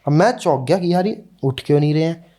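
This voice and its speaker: A man's voice: fairly high pitch, lively intonation, warm tone. A young man, a podcast guest, earnestly telling a personal story in casual conversation. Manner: earnest, emotional retelling, slows down at key moments.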